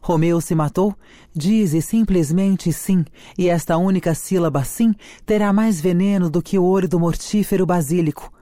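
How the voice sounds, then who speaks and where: A reader voicing Juliet, a passionate young noblewoman, declaiming slowly in a dramatic reading of a play. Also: medium pitch, mellow, no room sound, clean studio sound, lightly acted. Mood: anguished.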